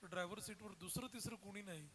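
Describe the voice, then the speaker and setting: Marathi-accented male kirtan preacher, high bright voice, emotional storytelling. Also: quick pace, a little hiss or hum. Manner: emotional storytelling, voicing characters in quotes.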